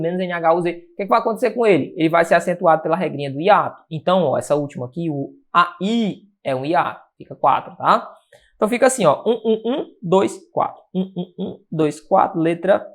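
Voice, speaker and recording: Energetic exam-prep teacher. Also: male voice, high-pitched. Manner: energetic, asks and answers his own questions. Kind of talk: lively exam-prep lecture.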